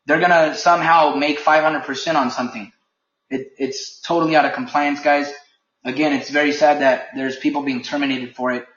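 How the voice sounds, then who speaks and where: A company leader presents a webinar briefing in a slightly high, fairly bright voice, talking briskly with fairly even intonation. He sounds firm and emphatic, a little heated. The audio is echoey, dull and lo-fi.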